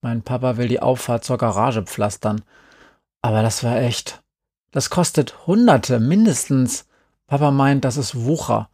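A man's voice: medium pitch, measured pace, a little mellow, breathy edge, no echo, clean studio sound. A man voicing a curious young boy who keeps asking questions. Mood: earnest. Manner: questioning insistently.

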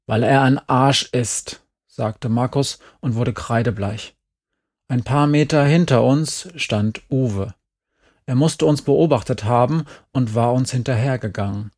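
Male narrator for a serialized story reading, dry and understated, mid-pitched. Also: unhurried, darkish tone. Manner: dry understated first-person telling.

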